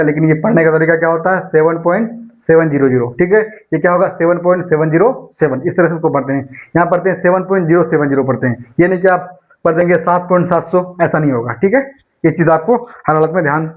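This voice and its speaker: A man with a high-pitched voice walks students through maths exam problems in an online lecture. He works each step aloud, repeats numbers slowly as he goes, and keeps asking the class rhetorical questions. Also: poor audio. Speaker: maths teacher.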